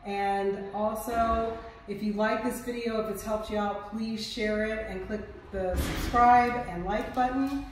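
The clip is a casual walkthrough: a middle-aged woman real estate investor shows off a renovation-in-progress, relaxed and chatty, pointing things out. Someone else holds the phone camera, so her medium-pitched, unhurried voice is distant and off-mic, echoing through empty rooms over background noise.

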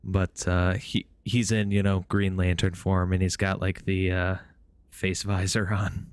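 A man's voice: deep voice, flat delivery, measured pace, clear, resonant tone, no echo. A man chatting casually on a gaming live stream, rambling with frequent fillers and restarts.

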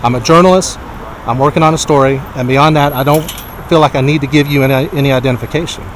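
A man's voice: medium pitch, steady tone, fast talker, a little hiss or hum, low-quality recording. A man working as a journalist, standing on a public sidewalk and insistently asking police whether he is free to go. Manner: insistent, repeatedly asks if free to go. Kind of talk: street confrontation with police.

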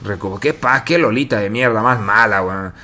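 Esports caster, male, Latin American Spanish accent. Forceful fighting-game-announcer delivery, salty slang, names fired off in repeated bursts. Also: on the low side, normal speed. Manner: foul-mouthed, slangy, exasperated ribbing of players. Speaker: esports commentator. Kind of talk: excited play-by-play game commentary, like a fighting game announcer.

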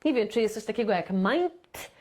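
A woman with a Polish accent teaching English to beginners in a casual, chatty way, saying example phrases slowly and repeating them. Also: on the high side, animated, a little mellow.

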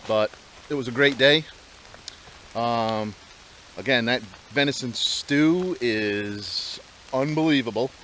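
A man's voice: mid-range voice, slow, pauses often, a bit bright, low-quality recording. A man in his forties vlogging casually from a forest campsite, easygoing and chatty with fillers, on a close-held action camera. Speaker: outdoor vlogger. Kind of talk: casual outdoor vlog talk. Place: forest campsite outdoors in rain. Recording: rain noise in background.

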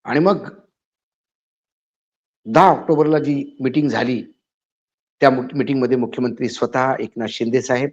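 A man's voice: medium pitch, steady tone, moderate pace, long pauses. Indignant male commentator. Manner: indignant, rising to emphatic outbursts. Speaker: political commentator. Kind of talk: spoken editorial commentary. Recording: slightly dull lo-fi audio.

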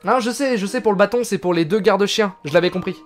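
A man's voice: high voice, quick pace, soft background music. Chatty man streaming a video game. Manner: joking, chatty, reads chat aloud. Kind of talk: casual gameplay commentary.

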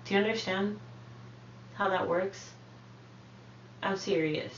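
A young woman in casual chat as a content creator, soft-spoken, hedging and full of fillers, heard in an echoey room from a distant mic. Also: medium pitch, steady tone, takes it slowly, dull audio, a little hiss or hum. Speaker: content creator on a live reality stream. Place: indoor room in a reality house.

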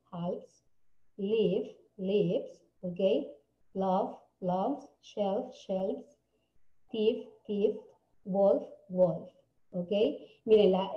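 Slow, deliberate woman teacher in an echoey room. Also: mid-range voice. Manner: repeats words slowly, checks in with frequent "ok?". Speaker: English teacher. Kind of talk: classroom lesson. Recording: echoey, dull lo-fi recording.

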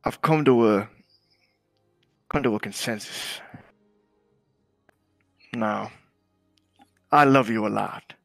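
A man's voice: fairly low pitch, slow pace, creaky, long pauses, no room sound. An intense, brooding music boss played by a man in a crime game role-play. He is aggrieved and menacing, repeating his lines for effect, recorded close and dry with music behind him. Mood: brooding menace.

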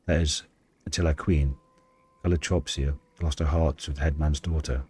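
A man's voice: a bass voice, fairly even intonation, moderate pace, warm tone, slightly rough. A man voicing a wistful, ancient female dryad from a video game, telling the story solemnly. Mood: mournful. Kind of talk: video game dialogue read aloud.

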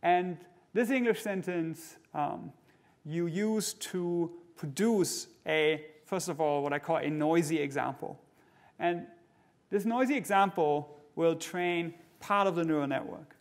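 A middle-aged man giving a keynote lecture on a large conference stage, explaining things in a measured way with fillers and restarts. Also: a little high. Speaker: keynote speaker.

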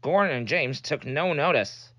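Animated man narrating a children's story. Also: on the high side, normal speed, no room sound, muffled recording. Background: music.

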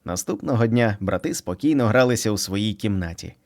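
Man, storyteller, children's book narration, playful, low voice. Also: brisk. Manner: expressive, playful reading.

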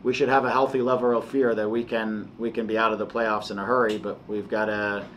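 Press-conference coach, man in his forties: lowish flat voice, measured and halting, slight hiss behind. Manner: measured, halting, many restarts and fillers. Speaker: soccer head coach. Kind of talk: post-match press conference. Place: press room before a sponsor backdrop.

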